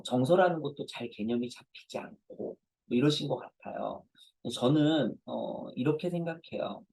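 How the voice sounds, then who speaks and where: Man in his forties lecturing parents as a professor, dark and husky, anecdotal and self-deprecating. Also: medium pitch, no echo, poor audio. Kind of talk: conversational lecture.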